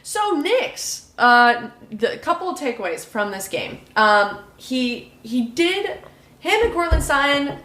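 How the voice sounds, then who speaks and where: Woman podcast host rambling about football, jokey and animated, roomy echo. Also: high voice, takes it slowly. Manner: rambling, animated, self-mocking. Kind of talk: casual sports chat. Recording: echoey room.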